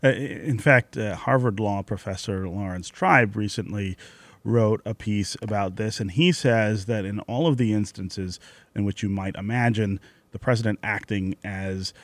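Radio host, man, lowish voice, measured delivery, dry booth sound. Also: no room sound. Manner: measured, reads phone number and promos. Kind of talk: call-in radio talk show. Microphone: studio microphone.

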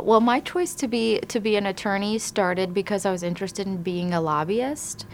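A woman from Iraq, an immigration attorney, answering interview questions thoughtfully with frequent pauses and restarts. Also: lowish voice, slight background noise.

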